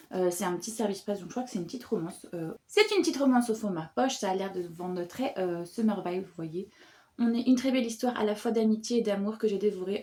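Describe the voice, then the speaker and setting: Chatty young woman in a casual book haul. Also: medium pitch. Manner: chatty, frequent fillers, animated asides. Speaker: booktuber and bookseller.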